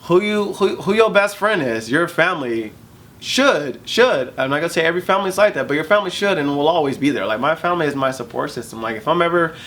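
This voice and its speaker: A man's voice: fairly high pitch, expressive, fast talker, a bit bright. A man hosting a casual interview, speaking earnestly and repeating himself as he gets a point out. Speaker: host.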